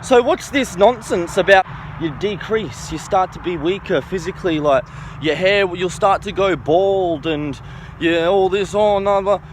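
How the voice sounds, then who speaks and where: A 29-year-old man about to turn thirty, styling himself a health and philosophy educator, gives an informal opinion monologue. He's emphatic and self-assured, repeats his points, and keeps seeking agreement with "okay" and "right." His voice is high-pitched and measured, with a little hiss or hum.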